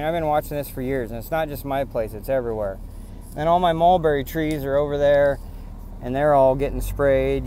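A man with a slightly high, warm voice vlogs a casual rant to the camera, indignant and rambling, repeating himself as he drives a pickup along farm roads and later stands outdoors on rural land. A little background noise is present.

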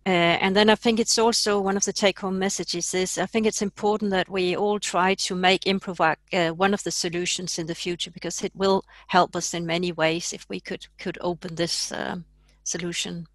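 A woman from Denmark giving measured, explanatory remarks as a panelist in a webinar, speaking over a headset on a video call. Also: fairly low pitch, fairly even intonation, dry recording.

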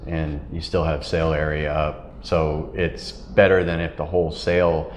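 A man's voice: rumbling low, level tone, unhurried, roomy sound, slight background noise. A middle-aged man, a tall ship captain, telling sailing stories in a casual, rambling way with laughs, on a lapel mic. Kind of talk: casual storytelling interview. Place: wood-paneled ship cabin.

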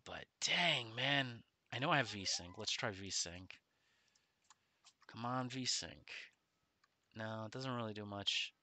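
A man's voice: medium pitch, bright, forceful tone, no room sound. A middle-aged man chatting casually on a gaming livestream, talking a little oddly with his face half numb from the dentist. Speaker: game streamer. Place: small room at home, indoors.

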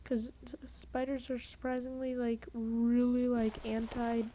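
A woman giving casual gameplay commentary in a goofy, rambling way, with lots of "like" fillers, jokey self-mockery and sudden excited outbursts. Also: a little high, measured pace, a little hiss or hum. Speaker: gaming channel host.

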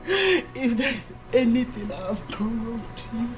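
A woman's voice: on the high side, lively intonation, a little slow, music in the background. A woman with a Nigerian accent playing a wronged young wife who begs her mother-in-law tearfully for forgiveness in a film. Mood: pleading. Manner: pleading, tearful, repeats "Mommy, please". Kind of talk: Nollywood film acting.

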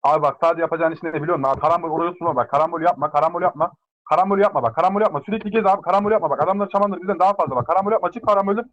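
A man's voice: a little high, very fast, fairly bright tone. Man urging teammates, muffled voice chat. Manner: urgent, insistent repeated instructions. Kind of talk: live voice-chat instructions during an online game battle.

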